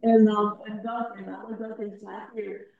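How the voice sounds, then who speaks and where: A woman from Philadelphia introducing herself on a group phone call. She speaks haltingly and stutters, with frequent restarts, while her audio drops out and turns muffled and faint. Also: medium pitch, level tone, gravelly, a crowd in the background. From Philadelphia, Pennsylvania. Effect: call audio dropping out, muffled and faint. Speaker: caller in a group phone meeting. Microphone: phone held away from the face. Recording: muffled, distant phone line with hollow echo.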